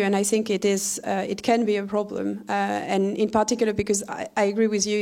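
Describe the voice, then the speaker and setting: A woman on a panel answering a question in a measured way, with frequent "uh" and "um". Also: medium pitch, a little mellow. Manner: measured, with many fillers.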